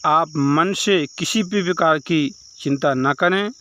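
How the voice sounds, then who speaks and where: A man's voice: fairly high pitch, slow, bright, forceful tone, a little hiss or hum. A man voicing a stern, aloof celestial nymph woman in a retold legend, lecturing and repeatedly addressing the king.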